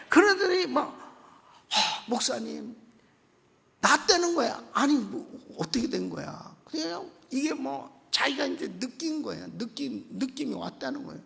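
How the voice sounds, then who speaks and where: Gravelly high-voiced man preaching. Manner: animated, acts out the people in his story, bursts to loud exclamations. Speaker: guest pastor at a revival meeting. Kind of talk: sermon storytelling. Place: church sanctuary. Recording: echoey church hall.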